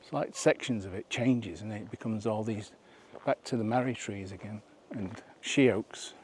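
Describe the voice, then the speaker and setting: A man's voice: on the low side, moderate pace, darkish tone, a little hiss or hum. A man narrating a walking vlog outdoors on a rural nature trail, chatty and rambling, asking viewers questions as he goes. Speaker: vlogger.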